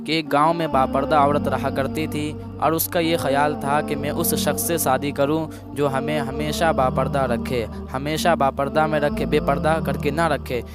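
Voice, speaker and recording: A male preacher tells a moral story from the pulpit in a slightly high voice. He moves through it plainly and circles back on the same phrases to stress them. Clear background music plays under him. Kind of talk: religious storytelling sermon.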